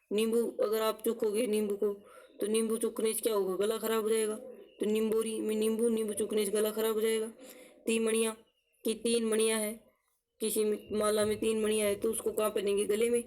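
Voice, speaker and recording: A woman's voice: a little high, dark tone, poor audio. A woman teaching an exam-prep lesson, drilling terms with memory tricks, asking questions and answering them herself. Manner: explains slowly with rhetorical questions and answers; repeats words to drill them.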